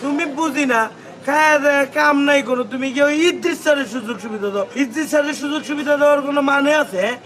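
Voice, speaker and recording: A man's voice: very high-pitched, rapid-fire, fairly bright tone, poor audio. A man playing a boastful young male gatekeeper who keeps demanding respect in a comic drama. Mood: bragging. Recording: music playing under the voice.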